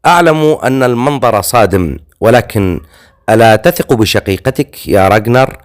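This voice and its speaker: A man's voice: mid-range voice, animated, moderate pace, close to an everyday voice. A man reading the lines of a proud, wounded noblewoman warrior in an audiobook, speaking in a haughty, commanding way.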